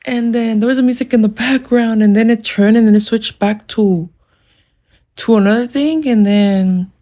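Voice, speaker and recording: A woman's voice: a little high, moderate pace, mellow. A woman casually retelling a dream in a rambling, giggly way, full of fillers. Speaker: storyteller.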